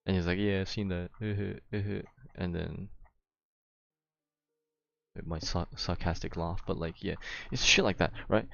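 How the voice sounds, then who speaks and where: A man's voice: low voice, fairly even intonation, measured pace, vocal fry, pauses often, a bit bright, dry recording, highs cut off. A young man casually explaining himself in a rambling, slangy way, with some swearing and frequent check-in tags. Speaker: gamer, vlogger. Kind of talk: casual explanation to camera of a dispute with friends.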